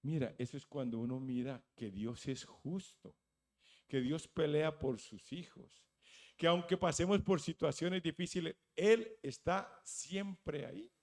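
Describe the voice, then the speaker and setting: A man preaching a sermon as pastor, retelling a story with dramatic, loud acted-out lines and frequent restarts. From Spain. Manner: dramatic storytelling, acting out quoted lines with rising pitch and volume; slow, deliberate delivery with stumbles and restarts.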